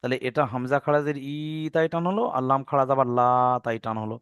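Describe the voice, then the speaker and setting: Male reading teacher, online class; patient, spells everything out, stretches recited words. Smooth, clear voice, dry sound. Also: mid-range voice, no room sound, dull audio. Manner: patient, spells out letters and vowel marks step by step; draws out recited words slowly.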